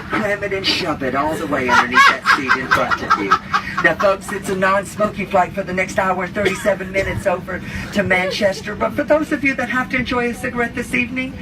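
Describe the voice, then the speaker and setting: A man working as a flight attendant, giving a comedic, campy safety announcement with theatrical patter over an airplane cabin PA. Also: sits high. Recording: noisy aircraft cabin PA, distant from mic. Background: aircraft cabin noise.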